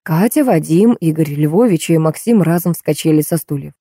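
A woman narrating a novel in steady, even scripted reading. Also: low voice, moderate pace, dry recording, clean studio sound. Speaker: audiobook narrator.

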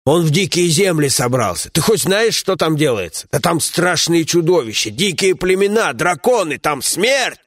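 A man voicing a fat bearded cave-dweller, loud, boisterous and quarrelsome. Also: a little high, sing-song, moderate pace, hardly any pauses, voice pushed up. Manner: loud mocking squabbling.

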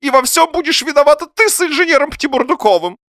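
A man voicing a pompous, self-pitying middle-aged husband who whines in a high, nasal, drawn-out declaiming voice. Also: lively intonation, a bit bright, no room sound, studio quality, heavily acted. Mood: theatrical lament.

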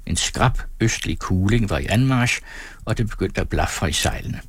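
A man narrates a novel in a measured storytelling manner. His voice sits low with a husky grain. The recording is dry and close, without room sound. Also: animated, no echo. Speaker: audiobook narrator. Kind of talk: scripted narration.

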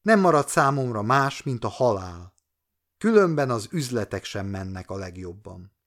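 A man's voice: mid-range voice, very animated. A man voicing a gloomy old traveling salesman who grumbles and laments in an audiobook story. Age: older.

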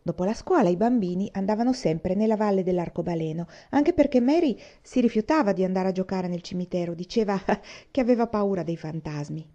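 A woman reads a novel aloud, narrating in a calm, even storytelling manner. Her voice is mellow and warm, at a middle pitch. The recording sounds slightly dull and muffled. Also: fairly quick. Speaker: audiobook reader. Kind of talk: novel reading.

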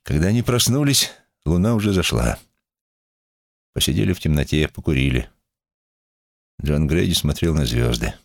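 A man reading an audiobook as narrator in an expressive, measured way. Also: a bass voice, creaky, dry recording, clean studio sound. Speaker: audiobook reader. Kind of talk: scripted narration.

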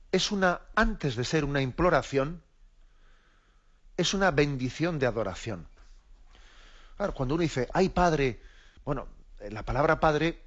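A man's voice: fairly high pitch, husky, dull audio. A man from Spain, a bishop, explaining the catechism in a radio lesson, reflective and repeating his words as he goes.

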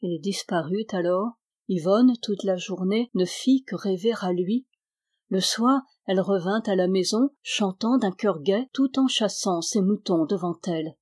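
A woman reads an old folk tale aloud in a calm, measured storybook manner. Her voice is warm and mellow, pitched in a middle register. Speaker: narrator. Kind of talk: storybook reading.

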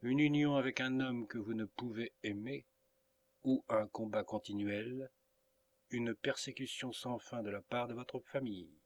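A man reading the lines of a cold, sardonic male wanderer, measured and hard, in an audiobook. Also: medium pitch, fairly even intonation, lightly acted.

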